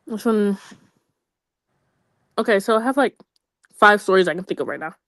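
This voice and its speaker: A woman's voice: mid-range voice, moderate pace, no echo, clean studio sound. A young woman chatting casually with friends, telling gossipy stories full of slang and asides. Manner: animated, gossipy storytelling with slang. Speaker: storyteller among friends. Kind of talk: casual chat.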